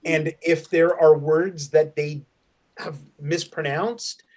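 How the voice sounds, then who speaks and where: A man's voice: fairly high pitch, steady tone, takes it slowly, a little mellow. A man hosting an online panel discussion as an acting program director, speaking thoughtfully and restarting sentences as he forms his questions. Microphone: video call.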